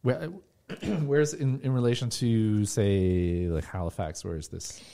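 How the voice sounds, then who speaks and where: Man, interviewer, mellow and warm, easygoing, laughs along. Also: on the low side, steady tone, slow pace, gravelly. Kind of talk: casual interview chat.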